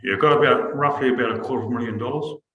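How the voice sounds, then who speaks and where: A man's voice: medium pitch, very fast. A man joining a meeting over a muffled remote call on a headset mic, explaining hesitantly with many fillers. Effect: muffled remote call audio over a headset mic. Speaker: council roading staff member joining remotely. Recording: echoey remote call line.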